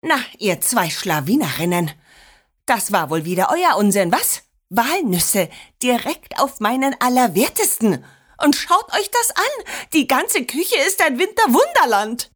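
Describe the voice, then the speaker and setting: A woman's voice: mid-range voice, big pitch swings, slow pace, breathy edge, full character voice. A woman voicing a cheeky grandmother who scolds and plays pranks, switching to a sugary-sweet tone. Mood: scolding. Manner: mock-stern, then sugary sweet.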